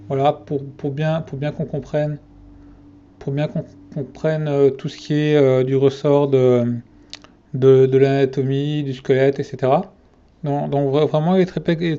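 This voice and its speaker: A man's voice: a little high, mellow, clean tone, lo-fi sound. A man ranking his favourite fitness channels in a casual vlog, hesitant and full of fillers and restarts.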